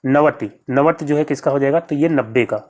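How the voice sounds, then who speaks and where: Man, exam coaching teacher, grammar lesson, methodical, repeats answers, mid pitch. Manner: methodical, repeats each answer and spelling slowly.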